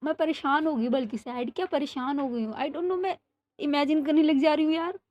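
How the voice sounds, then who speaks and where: With a neighbour's music playing in the background, a young vlogger talks at a moderate pace in a high voice, first chatting casually and then narrating a story for her channel. She rambles animatedly from her bedroom, and the audio sounds dull.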